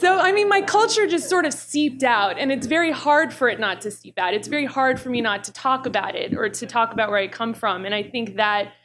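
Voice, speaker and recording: Woman panelist, fairly high voice, chatty with lots of laughs. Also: fairly quick, few pauses, fairly bright tone. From Los Angeles area, US. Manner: chatty, laughs often, many fillers. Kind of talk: panel discussion.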